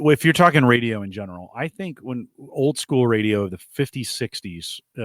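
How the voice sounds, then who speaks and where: A man's voice: mid-range voice, no echo, studio quality. A man co-hosting a casual podcast chat, talking thoughtfully and often restarting his sentences. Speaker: co-host.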